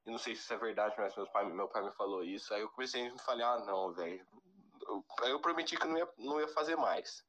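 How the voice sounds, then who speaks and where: A man's voice: fairly low pitch, fast talker, a little hiss or hum, low-quality recording. A teenage Brazilian man with a Brazilian Portuguese accent, telling a prank story in casual slangy chat and acting out the people he quotes. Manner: slangy, animated when quoting.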